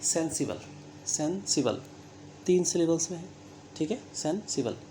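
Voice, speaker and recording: Slow, mellow-voiced Indian English teacher. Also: mid-range voice, lively intonation, a little hiss or hum. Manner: slow, deliberate, checks understanding with frequent "theek hai"; spells words out letter by letter. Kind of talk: recorded classroom-style grammar lesson.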